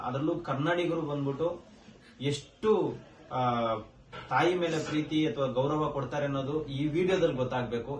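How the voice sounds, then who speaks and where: A man's voice: mid-range voice, slight background noise. A man from Karnataka hosting a social-work video, making an urgent, emotional appeal to viewers. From Karnataka, India. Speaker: social worker and video host. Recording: roomy, distant mic with faint ambience.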